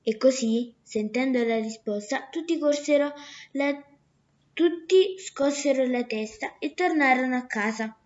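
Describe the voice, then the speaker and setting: A woman reading a fairy tale aloud, careful and unhurried, stumbling and restarting now and then. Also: high voice, darkish tone, dull audio. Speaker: storyteller.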